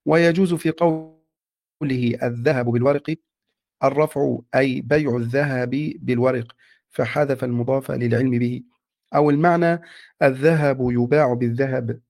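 A man reading a classical commentary aloud to his teacher in a steady, respectful recitation. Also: mid-range voice, moderate pace, creaky.

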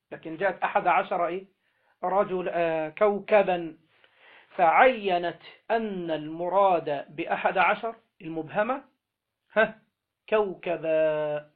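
High-voiced teacher over tinny sound. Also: male voice. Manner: slow, drawn-out delivery with question-and-answer prompts. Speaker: grammar teacher. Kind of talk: classroom grammar lesson.

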